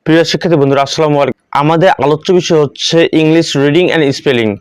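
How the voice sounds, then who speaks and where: A man teaching the English alphabet, saying each letter slowly and repeating it, in a steady classroom manner. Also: fairly high pitch, smooth, no echo. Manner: repeats each letter twice, slow and deliberate. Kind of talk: slow classroom instruction.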